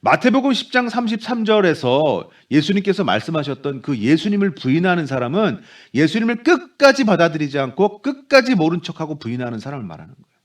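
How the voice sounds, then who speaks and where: A man preaching a Sunday sermon as pastor, animated, dropping into soft low voices for quoted speech. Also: fast talker. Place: church sanctuary.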